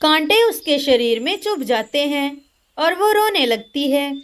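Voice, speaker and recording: Slow, high-voiced woman narrator. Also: sing-song, fairly bright tone. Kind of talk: scripted storybook narration.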